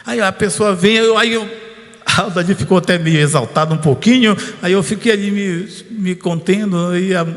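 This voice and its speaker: A man preaches at a church service with a voice a little higher than most men's. His delivery is informal and chatty, with a personal story and frequent calls to the congregation. His voice carries a long reverb from the church hall. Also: moderate pace, fairly bright tone. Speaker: pastor. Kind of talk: conversational sermon.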